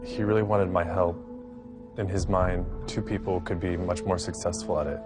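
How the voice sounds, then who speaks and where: A young man in his twenties speaks in an interview about the past, calm and reflective. His voice is very deep and stays flat and even. Soft music sits faintly under him. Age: 20s. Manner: low, flat, measured, reflective. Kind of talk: interview recollection.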